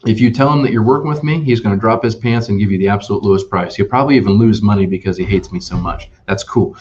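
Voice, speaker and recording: Low-voiced emphatic RV salesman. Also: quick pace. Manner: animated and emphatic, with many restarts. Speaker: RV salesman guest on a webinar. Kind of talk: storytelling sales talk. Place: Ohio dealership office. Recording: dull lo-fi webinar audio.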